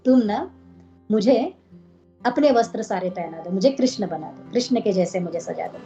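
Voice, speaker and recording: A woman's voice: mid-range voice, expressive, normal speed, dark tone, soft background music, close to an everyday voice. A woman voicing a clever river goddess who confides a helpful plan, in a devotional story, on a dull lo-fi recording. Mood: scheming.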